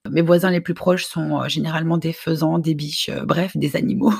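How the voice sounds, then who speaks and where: Husky, halting woman podcaster. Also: low-pitched, steady tone, darkish tone, no room sound, studio quality. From Belgium. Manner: halting, frequent hesitations and restarts. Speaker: podcast host. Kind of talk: solo podcast monologue.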